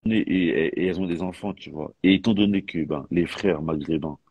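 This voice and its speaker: Man, deep husky voice, dry sound, chatty storyteller. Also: moderate pace, a little mellow, dry recording, dull audio. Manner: storytelling, repetitive restarts. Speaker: live stream participant. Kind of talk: casual chat.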